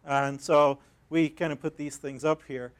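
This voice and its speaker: Northern Irish man, librarian giving a conference talk, fairly high voice, measured, poses questions. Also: fairly even intonation, a little hiss or hum. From Northern Ireland. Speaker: academic librarian presenter. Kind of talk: conference presentation.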